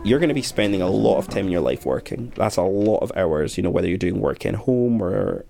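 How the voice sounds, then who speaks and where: Young man, somewhat low voice, primary teacher, earnest, measured reflective talk. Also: expressive, creaky, a crowd in the background. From Scotland.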